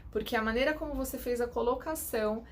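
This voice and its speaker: A woman's voice: on the high side, fast. Didactic Brazilian woman psychologist. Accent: Brazilian Portuguese, São Paulo. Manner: didactic, checks in with listeners. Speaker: clinical psychologist. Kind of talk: direct-to-camera teaching tips.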